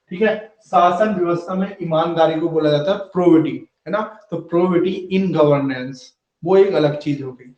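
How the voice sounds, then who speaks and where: A man in his thirties teaching an exam-prep lesson, explaining step by step and often checking in with "है ना". He sometimes slows down to dictate notes. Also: a little high, darkish tone. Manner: explanatory, frequent "है ना" tag questions. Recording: echoey room, dull lo-fi audio.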